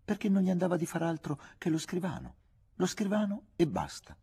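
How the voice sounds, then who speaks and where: A man voicing a witty, ironic young woman, lively and affectionately bossy in her teasing. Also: high voice, brisk, slightly rough, voice pushed up, exaggerated voice. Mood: explaining.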